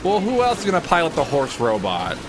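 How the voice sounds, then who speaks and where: A man's voice: on the high side, huge pitch swings, fairly quick, music in the background. A man streaming a video game with friends, joking sarcastically and swearing freely. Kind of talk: casual game-stream banter.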